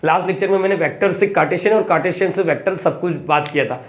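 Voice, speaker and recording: A young man teaching maths in a chatty, coaxing way, often repeating phrases slowly as he writes. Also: high voice. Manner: chatty and coaxing, acts out student questions and repeats phrases slowly while writing. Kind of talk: classroom lecture.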